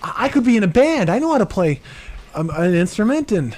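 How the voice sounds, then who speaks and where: A man's voice: high voice, very animated, brisk, darkish tone. A man playing a timid, awkward young diver who stammers and whines, in a comedy sketch. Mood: sheepish. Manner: stammering and whiny.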